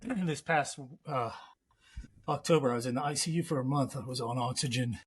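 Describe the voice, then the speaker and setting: Man, podcast host, casual interview, unhurried, middle pitch. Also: breathy edge. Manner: unhurried, talks through his editing plans aloud.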